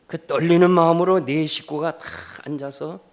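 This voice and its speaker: An older man, a retired pastor, preaching a revival sermon. He tells a story with acted-out quotes and swings from hushed, low lines to loud, impassioned calls. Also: fairly even intonation, moderate pace. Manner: acts out quoted speech in the story. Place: church sanctuary.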